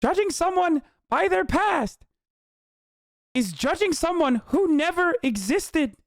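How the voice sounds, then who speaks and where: A man voicing a lofty male guru who slowly recites a wise saying in a high, sing-song way. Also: lively intonation, dry recording, clean studio sound, full character voice. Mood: solemn.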